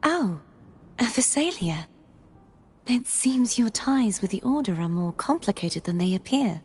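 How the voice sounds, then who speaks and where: An actress voicing a youthful holy maiden in video game dialogue, speaking softly, earnestly and formally. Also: female voice, a little high, lively intonation, measured pace, breathy edge.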